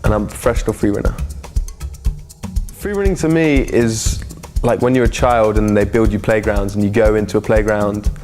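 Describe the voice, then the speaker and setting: A man's voice: fairly low pitch, normal speed, a little mellow, soft background music. A man, a professional free runner talking reflectively in a documentary interview. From England. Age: 30s.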